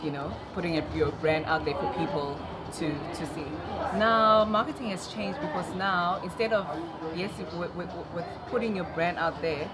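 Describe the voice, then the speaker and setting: A woman with a South African accent answering interview questions conversationally, often pausing to find her words. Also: fairly low pitch, a loud crowd. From Durban, South Africa. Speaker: interview guest, marketing and events businesswoman. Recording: music under the talk. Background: loud music.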